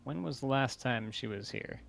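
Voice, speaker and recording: A man's voice: medium pitch, normal speed, creaky, a bit bright, soft background music. A man playing in a tabletop game, talking briefly and directly. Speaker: player.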